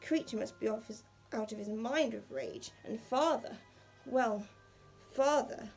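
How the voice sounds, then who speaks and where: A woman's voice: fairly high pitch, unhurried, a little mellow, slightly rough, faint music behind. A woman voicing a smug, sneering schoolboy in her own story, taunting and superior.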